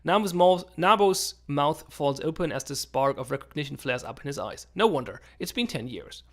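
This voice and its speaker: A man's voice: fairly high pitch, animated, moderate pace, fairly bright tone. A man hosting a gaming channel, reading story text aloud and breaking off into casual, wry commentary. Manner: conversational, self-interrupting, wry asides.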